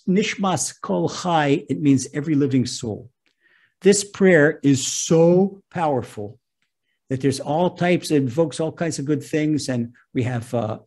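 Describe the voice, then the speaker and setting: A man teaching a Torah lesson, who talks in quick, repeated bursts and reads a prayer aloud with growing fervor. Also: a little high, a little mellow, slightly rough.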